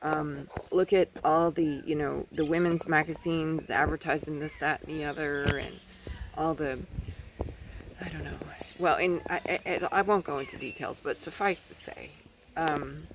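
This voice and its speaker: Gravelly man rambling outdoors. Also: fairly high pitch, steady tone, unhurried, noisy background. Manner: hesitant, many fillers and restarts, blunt opinions. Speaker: podcast host. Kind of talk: rambling opinion monologue. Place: outdoors in wind.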